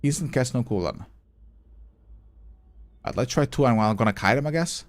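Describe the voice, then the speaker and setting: A man's voice: medium pitch, lively intonation, normal speed. A man streaming a game live, thinking aloud as he plays and chatting casually with viewers, sometimes swearing. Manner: chatty, answers viewer chat while playing. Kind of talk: casual live gameplay commentary.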